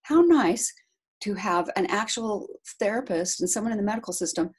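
A middle-aged woman talking about being a caregiver, chatty and animated, laughing often as she tells a story. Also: medium pitch, normal speed, slightly rough. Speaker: guest, caregiver to her husband. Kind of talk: casual interview storytelling.

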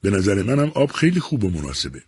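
A man's voice: lowish voice, sing-song, darkish tone, breathy edge, no room sound, voice pushed up. A man voicing a boastful young male coworker in a read-aloud story.

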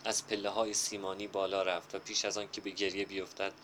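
A man narrating a literary story in a measured, unhurried reading style. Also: sits low, flat delivery, a bit bright, slight background noise.

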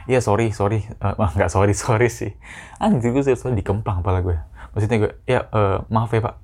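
Rambling young man with a low voice. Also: darkish tone. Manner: rambling, many restarts, slangy Jakarta-style informal talk. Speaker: podcast host. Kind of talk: casual solo podcast monologue.

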